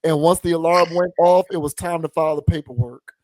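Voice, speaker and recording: A man hosting a podcast, giving his opinions in a measured, deliberate, somewhat preachy way. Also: a little high, darkish tone, no echo. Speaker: podcast host. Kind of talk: opinion commentary.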